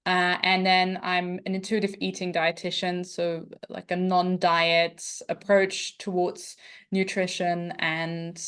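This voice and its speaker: A woman from Austria with a light Austrian accent, hosting a podcast interview and speaking gently and thoughtfully with soft fillers. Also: on the low side, little pitch movement, slow pace, smooth. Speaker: podcast host, yoga teacher and dietitian.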